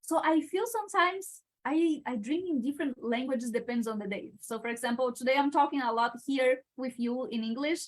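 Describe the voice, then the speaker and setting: A young Brazilian woman, a native Portuguese speaker and international engineering student, answers live-stream Q&A questions in English as a video-call interview guest. Her voice is slightly high. She sounds hesitant, searching for words with frequent pauses, many uh's, and restarts.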